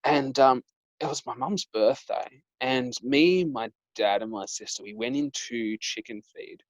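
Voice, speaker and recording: A man's voice: medium pitch, a little slow, dry recording, rough recording. A young man, hosting a casual chat and telling stories with lots of fillers like "like" and "um". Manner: chatty storyteller, lots of "like" and "um". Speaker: dating coach and host.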